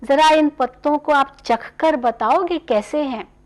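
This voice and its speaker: A woman reading a wise old sage who gives counsel in a slow, calm, high voice. He instructs gently and plainly. It is a light storybook voicing, close to her own. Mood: advising.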